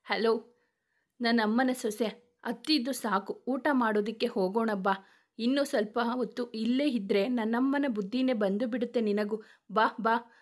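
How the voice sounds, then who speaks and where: A man's voice: very high-pitched, fairly even intonation, normal speed. A woman voicing an anxious young groom, questioning himself in a fretful inner voice. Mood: teasing. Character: anxious young male groom, soft-spoken.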